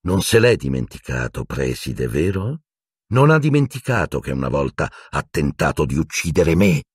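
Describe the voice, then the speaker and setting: A man's voice: rumbling low, very animated, normal speed, slightly rough, dry recording, clean studio sound, heavily acted. A man voicing a cold, sneering male professor in an audiobook, hissing and menacing.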